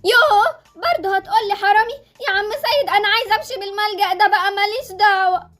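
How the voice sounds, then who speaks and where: A woman voicing a cheeky, impatient young orphan girl in a Roblox story, speaking with an Egyptian accent in a high, childlike, mouthy voice. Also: quick pace, a bit bright. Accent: Egyptian Arabic.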